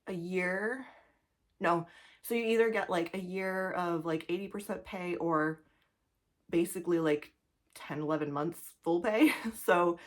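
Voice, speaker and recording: A pregnant woman in her thirties chatting casually to camera as a cross-stitch vlogger, laughing often and a little out of breath, full of likes and ums. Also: fairly low pitch. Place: home, two-bedroom apartment.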